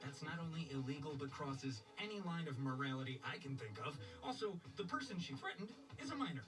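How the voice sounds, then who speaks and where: A man's voice: a little high, animated, a little fast. A man narrating an opinion commentary video. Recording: slightly distant, music underneath.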